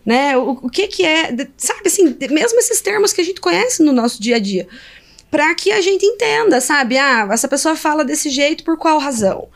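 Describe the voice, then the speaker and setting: A woman with a Brazilian Portuguese accent, a linguist answering interview questions in an animated way, posing rhetorical questions with many fillers. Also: high-pitched, normal speed, gravelly. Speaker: linguist guest.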